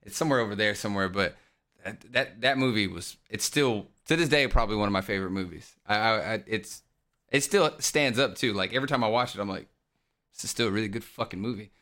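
A man's voice: lowish voice, fast, sharp tone. A man co-hosting a podcast, chatting casually, swearing freely and laughing often. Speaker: podcast co-host.

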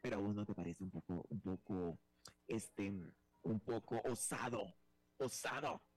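A man's voice: fairly low pitch, unhurried, no echo. A man hosting a talk show, teasing his co-host in a flamboyant, chatty way with many restarts. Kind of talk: playful talk-show banter.

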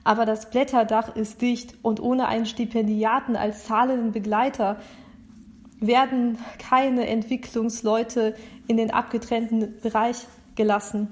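A woman reads a novel aloud in a steady, plain narration. Her voice sits fairly high, and she now and then rereads a line to correct it. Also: measured pace. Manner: steady reading with retakes.

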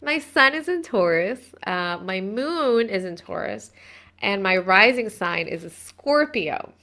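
A woman in her thirties hosts a casual talk about spiritual practice, speaking in a chatty, meandering way full of restarts, asides and self-interruptions. Her pitch sits in the middle, neither high nor low. She is expressive, with a slow pace and a sharp tone.

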